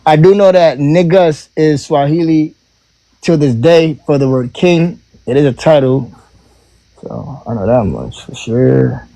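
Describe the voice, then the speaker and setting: A man's voice: a little high, a little slow, vocal fry, warm tone, no room sound. A man speaking candidly and hesitantly as a caller in an online debate. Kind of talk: casual debate talk.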